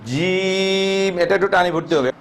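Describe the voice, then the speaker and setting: A Quran teacher with a voice on the high side speaks fast while teaching how Arabic letters are pronounced, answering the questions he asks and drawing out each sound. A little hiss or hum runs through the recording.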